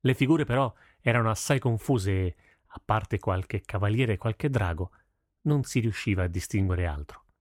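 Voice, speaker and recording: A man narrating a story with steady, measured delivery. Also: fairly low pitch, no room sound, clean studio sound. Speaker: audiobook narrator. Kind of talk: scripted narration.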